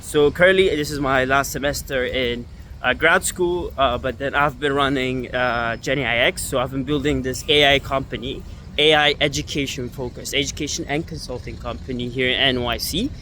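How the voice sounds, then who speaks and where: A startup founder in his twenties from Ethiopia vlogs casually to camera while walking around New York City and working out at the gym. His medium-pitched voice is sharp in tone with fairly even intonation and normal speed, and he rambles with lots of fillers and restarts. Background music runs under his voice, along with a little hiss or hum.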